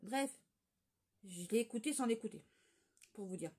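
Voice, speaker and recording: A woman's voice: a little high, expressive, normal speed, warm tone, husky. A woman vlogger telling a rambling, gossipy story in casual chat, with lots of fillers and restarts.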